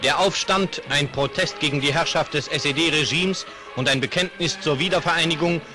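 A man's voice: on the high side, moderate pace, over music. Solemn man narrating an old newsreel. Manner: solemn, dramatic announcing. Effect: old newsreel recording.

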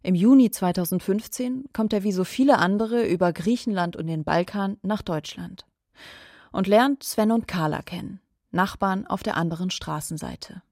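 A woman's voice: medium pitch, moderate pace, darkish tone, no echo, clean studio sound. A woman narrating a radio documentary in a pointed, descriptive scripted manner.

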